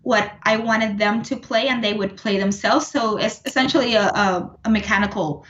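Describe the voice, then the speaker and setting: Composer lady from puerto rico, mid-pitch, kinda muffled echoey sound, lots of um and restarts. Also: moderate pace, a bit bright. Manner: thoughtful, many restarts and fillers. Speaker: composer, interview guest. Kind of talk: casual interview conversation.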